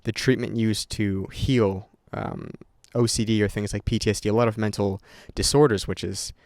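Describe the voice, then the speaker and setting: Low-leaning and steady, with a darkish tone at normal speed, this young man's voice carries an unscripted, casual vlog to camera. He rambles and curses freely, often starting over. It's a dry recording with clean studio sound.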